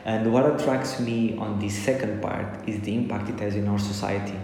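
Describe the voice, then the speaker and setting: A man with a Portuguese accent recounts his story, stopping and restarting often as he searches for words. His voice is low and mellow. It rings out in a large echoey hall with a faint hiss behind it. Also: fairly even intonation. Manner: halting, many restarts and fillers. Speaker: interview guest. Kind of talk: casual storytelling.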